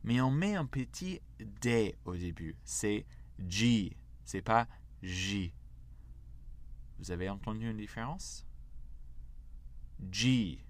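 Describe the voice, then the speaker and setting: An American English teacher patiently drills letters for learners to repeat, his voice on the low side. He speaks animatedly at normal speed with hardly any pauses, in an American accent.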